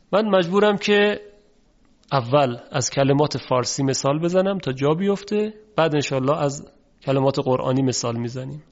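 A man teaching a recorded recitation lesson, formal and polite, who explains patiently and stretches sounds out slowly to show them. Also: fairly high pitch, a little mellow, highs cut off.

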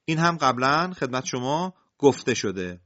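A man's voice: mid-range voice, sing-song, fairly bright tone, lo-fi sound. Methodical man lecturing on recitation. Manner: methodical, enumerating points one by one. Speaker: Quran recitation teacher. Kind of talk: explanatory lecture.

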